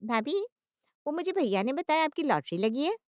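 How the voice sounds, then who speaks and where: Woman voicing a nosy sharp daughter, brisk questions, dry close sound. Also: sits high, big pitch swings, dry recording, pitched above the performer's own voice. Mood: probing. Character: sharp nosy adult daughter, quick-witted.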